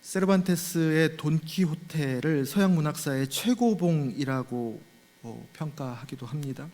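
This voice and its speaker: A man's voice: fairly high pitch, lively intonation, unhurried, darkish tone. Man preaching in a reverberant church. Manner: conversational preaching, often addressing the congregation with rhetorical questions. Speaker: senior pastor. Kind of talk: sermon. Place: church sanctuary.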